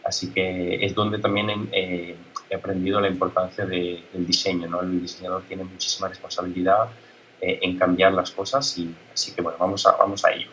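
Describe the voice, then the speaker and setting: An Italian man, a native Italian speaker, giving a conference talk as a guest speaker, halting, with many fillers and restarts. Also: deep voice, flat delivery, a bit bright, slight background noise, rough recording. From Italy.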